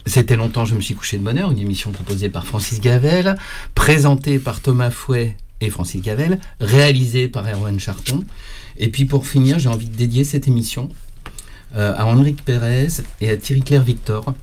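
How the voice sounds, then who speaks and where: A man's voice: mid-range voice, normal speed, darkish tone. A man hosting a radio show in a casual, conversational presenting style. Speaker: radio host. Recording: clear background noise, clicks.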